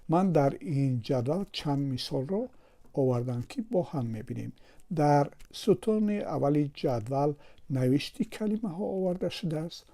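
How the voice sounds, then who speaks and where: A man with a Tajik Persian accent teaches English pronunciation from a word table. He goes slowly, says each word more than once and asks and answers his own questions. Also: mid-range voice, vocal fry, dark tone.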